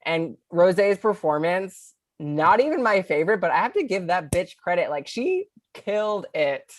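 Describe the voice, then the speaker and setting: A woman's voice: lowish voice, big pitch swings, normal speed, dry recording. A woman on a recap panel, talking bluntly and emphatically, repeating her points. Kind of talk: casual recap chat.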